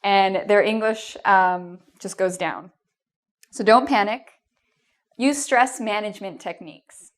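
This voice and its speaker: Speaking slowly in a medium-pitched voice, a Canadian-accented English teacher offers tips for an English exam in a video lesson. Her tone is reassuring and supportive, sprinkled with frequent "um"s and "okay?" checks.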